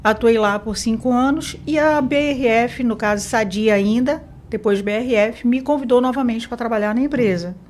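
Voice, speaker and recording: A woman from Mozambique speaks as a guest on an interview show. Her voice sits fairly high. She tells her story in a relaxed way, with fillers and self-corrections. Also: moderate pace, hardly any pauses, slight background noise. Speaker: business consultant guest. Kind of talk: interview conversation.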